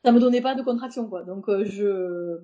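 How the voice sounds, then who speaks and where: Une femme invitée d'un podcast, qui parle de façon décontractée et hésitante, avec beaucoup d'hésitations et de reprises. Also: female voice, medium pitch, normal speed, dark tone, lo-fi sound. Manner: hesitant, many fillers and restarts. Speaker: podcast guest, embroiderer. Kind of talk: casual interview talk.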